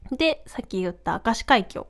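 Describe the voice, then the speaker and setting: A young woman hosts her own podcast, telling a story in a relaxed, chatty way. Her voice sits a little high, and she jumps up for the quoted lines and laughs often between them. She sounds animated and easygoing from start to finish. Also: moderate pace, vocal fry. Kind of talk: casual solo storytelling.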